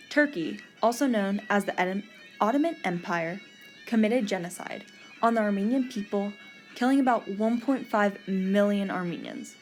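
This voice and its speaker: A young woman from Texas hosts a podcast, reading a scripted narration in an earnest, read-aloud manner. Her voice is medium-pitched with a darkish tone.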